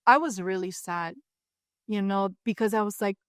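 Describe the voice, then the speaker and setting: A woman in her fifties from Cuba, telling a personal story as a podcast guest with animated asides. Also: medium pitch, moderate pace, clean tone, no room sound, studio quality. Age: 50s. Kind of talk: storytelling in an interview.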